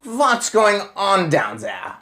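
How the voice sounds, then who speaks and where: A woman's voice: low voice, very animated, measured pace, voice pushed up, full character voice. A woman voicing a cruel, commanding witch leader who barks orders in a storybook reading. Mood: imperious. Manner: imperious, barking orders.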